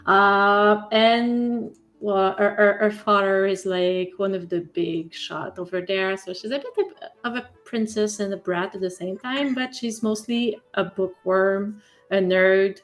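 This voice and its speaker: Slow-talking woman. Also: mid-range voice, fairly even intonation. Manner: slow, halting, frequent uh and self-corrections. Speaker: player. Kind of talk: casual live-stream chat.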